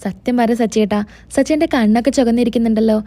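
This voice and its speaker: An earnest young wife explaining herself in a soft, slightly high, mellow voice, as a woman storyteller reads her part. Her tone is sincere and pleading. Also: fast talker, natural voice.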